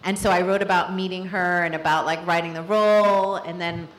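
A woman's voice: fairly low pitch, steady tone, brisk. Woman director at a live Q&A, candid and reflective, echoey room. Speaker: film director. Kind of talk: live Q&A answers.

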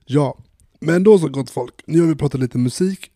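A man co-hosting a podcast in casual chat, joking and animated, with many fillers. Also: fairly high pitch, no echo, clean studio sound. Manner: jokey, animated, full of fillers. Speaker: podcast co-host.

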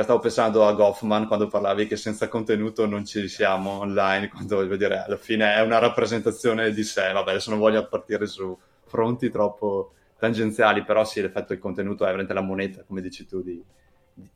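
Low, flat-voiced male podcast host. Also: brisk. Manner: affirming, conversational, musing asides. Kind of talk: podcast interview.

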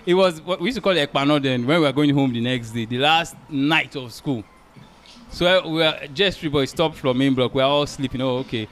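Animated Nigerian male podcast co-host, young adult, slightly high voice. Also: fairly quick. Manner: animated storyteller, rises loud when excited. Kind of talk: casual chat.

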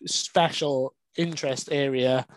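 A man's voice: mid-range voice, fairly even intonation, slow pace, no echo, rough recording. A young man, a dog behaviourist, talking candidly and at length in a podcast interview. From Wales. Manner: candid, conversational, explains at length.

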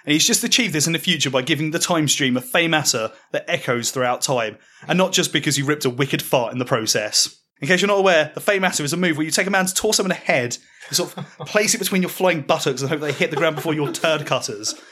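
A man telling a mocking comic story in the second person, with deadpan delivery. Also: on the high side, fast talker, hardly any pauses. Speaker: podcast storyteller.

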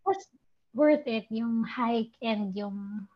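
A woman's voice: on the high side, extremely slow, no room sound, highs cut off. A young woman chatting casually as a vlogger, laughing often and mixing English into her talk. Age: young adult. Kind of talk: casual chat.

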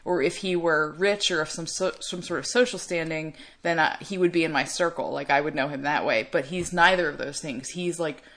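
A woman's voice: low-pitched, a little fast, few pauses, a bit bright. A woman co-hosting a casual podcast chat, working through her points in a thoughtful, analytical way. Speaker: podcast co-host.

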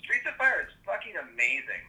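A man's voice: sits high, sing-song, a little fast, pushed and bright, poor audio. A man calling in on speakerphone, chatting casually in a hesitant way, full of fillers and swearing freely. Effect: heard over speakerphone. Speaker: podcast co-host calling in. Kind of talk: casual banter.

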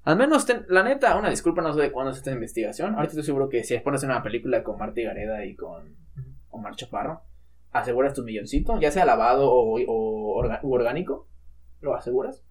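A man's voice: medium pitch, animated, husky. A young man with a Mexican accent, co-hosting a casual film podcast with a joking, slangy manner. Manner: joking, slangy, quick back-and-forth. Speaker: podcast co-host.

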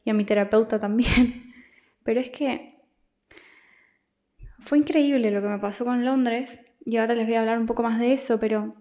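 A woman's voice: a little high, fairly even intonation, normal speed, long pauses, darkish tone. A young Argentine woman hosting her podcast, talking in a rambling, confiding personal monologue with many restarts. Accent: Argentine Spanish. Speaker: podcast host.

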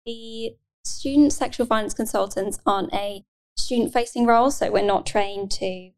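A woman's voice: on the high side, moderate pace, darkish tone. A young woman student, a podcast guest, speaking casually with lots of hedging words. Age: young adult.

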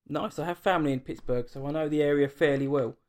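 Late at night at home, a man from England runs a film podcast, chatting with a guest online in a self-deprecating way that includes restarts. His voice is slightly high and darkish, and he talks quickly.

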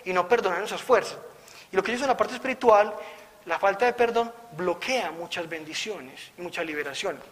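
A man giving a conversational religious testimony, a lively storyteller who acts out the voices in his story. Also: high voice, fairly quick. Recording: long hall reverb.

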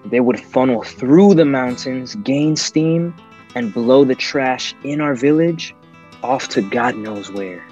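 A man playing a menacing, philosophical crime lord in an audio drama, delivering deliberate, grand speeches. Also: medium pitch, darkish tone, dull audio, faint music behind, close to an everyday voice. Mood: solemn, commanding.

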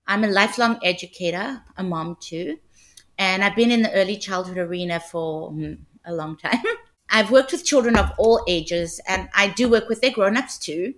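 Preschool teacher, woman from South Africa, measured and thoughtful, mid-pitched. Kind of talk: casual podcast chat.

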